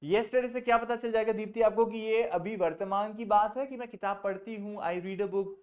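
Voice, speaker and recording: A man's voice: sits high, normal speed, darkish tone. A male English teacher with an Indian accent runs an online class over a video call. He patiently puts questions to his students by name and switches between Hindi and English as he explains.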